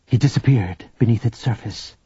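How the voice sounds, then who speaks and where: A man narrating an audiobook in scripted narration, with even, measured storytelling. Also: mid-range voice, a little hiss or hum. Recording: dull audio with faint background music.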